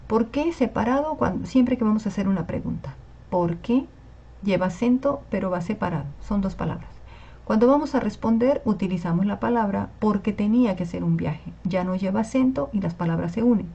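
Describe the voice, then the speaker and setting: Patient woman teacher, mellow lo-fi. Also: mid-range voice, a little fast, vocal fry, slightly rough. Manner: patient, explanatory, checks in with "¿sí?". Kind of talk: online class lecture on Spanish spelling. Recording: slightly dull lo-fi recording.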